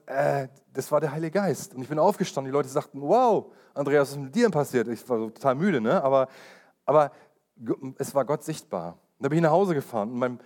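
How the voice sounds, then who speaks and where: A man's voice: mid-range voice, a little mellow. Earnest man preaching with repeated emphasis. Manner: personal testimony told with urgency. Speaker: pastor. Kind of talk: sermon.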